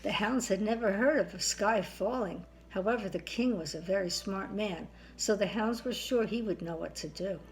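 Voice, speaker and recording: A woman's voice: mid-range voice, moderate pace, hardly any pauses, a little hiss or hum, rough recording. A sweet older woman, grandmotherly, narrating a children's story aloud.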